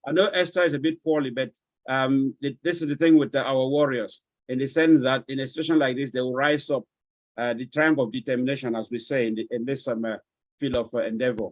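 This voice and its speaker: A man with a Nigerian accent moderating an online webinar over a video call, courteous and halting as he checks who has joined. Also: mid-range voice, fairly even intonation, no room sound.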